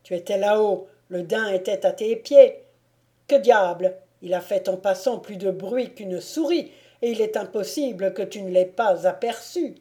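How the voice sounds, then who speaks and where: Brief: scornful baron-huntsman, loud, commanding, slow and mellow, read by a woman. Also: medium pitch, close to an everyday voice. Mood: insistent. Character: domineering noble man, a mocking baron-huntsman. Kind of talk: audiobook reading.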